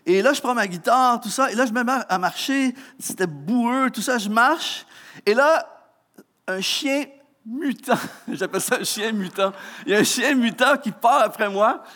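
A man's voice: very high-pitched, moderate pace, fairly bright tone. A man with a Québécois French accent preaching a sermon, telling a personal story with humor and many restarts. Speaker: pastor.

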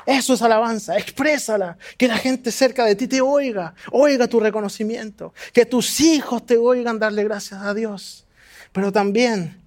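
A man preaching a sermon, fervent and exhorting, his voice climbing high on points of emphasis. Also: darkish tone.

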